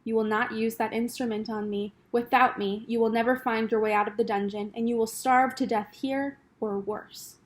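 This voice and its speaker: A woman's voice: fairly high pitch, fairly even intonation, moderate pace, few pauses, close to an everyday voice. A woman voicing a scheming, cruel male rat who speaks in a haughty, commanding way in a storybook reading. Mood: cold.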